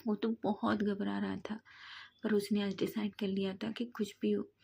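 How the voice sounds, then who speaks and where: A woman reads a love story aloud in a steady storytelling voice. Her tone is dark and mellow, with a gravelly, husky texture. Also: mid-range voice, moderate pace. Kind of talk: reading fan fiction aloud.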